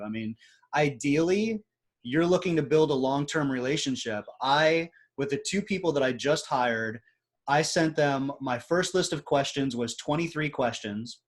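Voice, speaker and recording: Chatty man hosting a group call. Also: mid-range voice. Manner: loose, rambling, self-correcting advice. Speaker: host of a business video call. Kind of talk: casual talk on a group video call.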